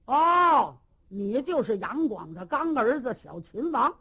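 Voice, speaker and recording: A woman voicing a rough, bullying male warrior who shouts and threatens during an interrogation. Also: a little high, very animated, slow pace, exaggerated voice.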